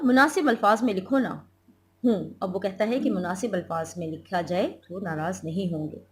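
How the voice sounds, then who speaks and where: A woman school teacher giving a recorded lesson, explaining a literature text by repeating and glossing words. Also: medium pitch.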